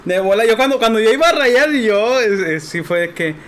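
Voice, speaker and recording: Slangy man with a high voice. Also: expressive, brisk, fairly bright tone, a little hiss or hum. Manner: slangy, rambling. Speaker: podcast co-host. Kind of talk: casual chat, storytelling.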